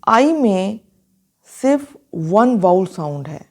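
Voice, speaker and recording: A woman teaching a phonology lesson, slowly and deliberately spelling out words letter by letter and sounding them out for the class. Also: medium pitch, sing-song, darkish tone. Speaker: English teacher. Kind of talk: explaining a phonology lesson, mixing Hindi and English.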